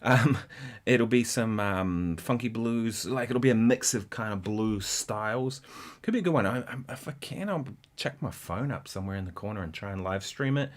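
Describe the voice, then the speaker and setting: A man hosting a casual guitar livestream, rambling in a halting way with many restarts and sometimes counting rhythms aloud. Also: on the low side, lively intonation.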